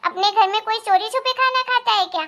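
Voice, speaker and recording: A woman voicing a firm but loving mother-in-law in a cartoon family story, reassuring and gently lecturing. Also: extremely high pitch, brisk.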